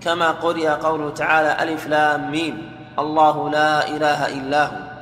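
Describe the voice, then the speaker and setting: A man reading a classical text aloud to his teacher in a steady, formal way. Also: fairly high pitch, brisk. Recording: echoey hall with faint noise.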